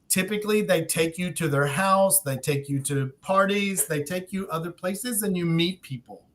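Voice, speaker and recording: Man, university presenter, high bright voice, animated, acts out dialogues. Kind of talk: online info session.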